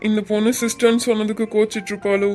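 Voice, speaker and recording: A performer voicing Aadhi, a confident young male doctor in an animated series, teasing and bossy with juniors. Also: mid-range voice, very fast, natural voice. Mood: worried.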